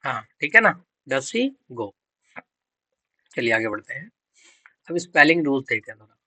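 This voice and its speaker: A man's voice: medium pitch, big pitch swings, moderate pace, bright, forceful tone, no echo, rough recording. A man teaching English grammar for exam prep. He quizzes students, answers his own questions and spells out words letter by letter.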